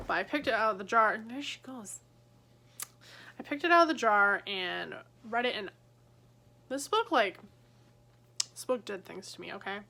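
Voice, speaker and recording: A woman chatting casually about books she read, full of "like" and quick asides. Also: fairly high pitch, pushed and bright. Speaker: book vlogger. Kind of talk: casual book review chat. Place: at home on her bed.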